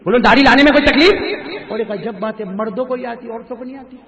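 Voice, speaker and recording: A middle-aged man with a high voice preaches a sermon to a large gathering. He is animated and keeps calling on the crowd to answer aloud. The sound is dull and lo-fi, with long reverb from a hall.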